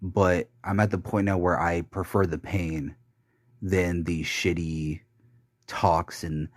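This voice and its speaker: A young man's low voice barely moves in pitch as he records a bitter, rambling confessional for his podcast, clean studio sound and no echo. He swears repeatedly and speaks in a halting way, with restarts and fillers throughout.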